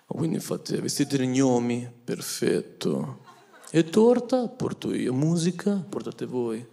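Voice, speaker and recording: A stern, imposing Russian mother, as a comedian puts her on, with a heavy Russian accent. She speaks in slow, clipped words through a gravelly rasp, and she sounds cold and controlling. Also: mid-range voice, very animated, warm tone, pitched below the performer's own voice, full character voice.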